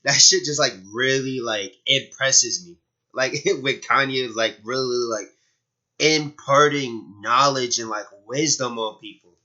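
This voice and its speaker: A male streamer reacts to a clip in casual, slang-heavy talk, stumbling over his words and laughing. His voice is bright and sharp. The sound is dull and lo-fi. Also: mid-range voice, unhurried. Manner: slangy, stammering, laughs often.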